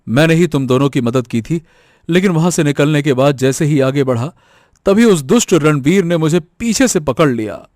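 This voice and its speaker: A man's voice: a little high, expressive, moderate pace, a little mellow, dry recording, clean studio sound, lightly acted. A man voicing an earnest young cartoon prince. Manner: earnest, explaining. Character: earnest young male prince, recently freed captive.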